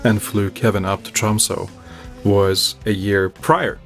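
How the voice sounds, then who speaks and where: Low-voiced Norwegian band singer. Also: male voice, fairly even intonation, slow pace, vocal fry, faint music behind. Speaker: singer, bassist and songwriter. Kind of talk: recorded interview conversation.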